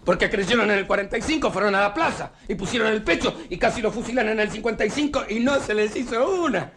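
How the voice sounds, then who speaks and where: An actor playing a bitter, disillusioned working-class husband with a Rioplatense Argentine accent, talking with sarcasm and scorn. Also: male voice, sits high, expressive, quick pace, a crowd in the background. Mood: grim. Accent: Rioplatense Argentine Spanish. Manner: sarcastic, scornful, repeats words. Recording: 1980s film soundtrack, faint hiss.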